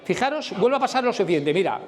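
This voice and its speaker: A man's voice: sits high, big pitch swings, fast. A middle-aged man with a Madrid accent giving a conference talk, blunt and colloquial, firing questions at the audience. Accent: Madrid Spanish. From Spain. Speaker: conference speaker. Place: conference room before a live audience.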